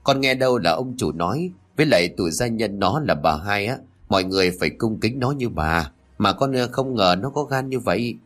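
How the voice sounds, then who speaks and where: A man's voice: on the low side, lively intonation, brisk, hardly any pauses, a bit bright. A man voicing a gossiping young maidservant in a spoken story. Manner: gossipy and hesitant.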